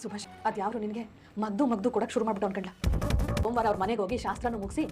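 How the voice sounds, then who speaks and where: An actress in a TV serial playing a scheming, power-hungry mother, forceful and gloating in her talk. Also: medium pitch, steady tone, racing, natural voice. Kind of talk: TV serial acting. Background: background music score.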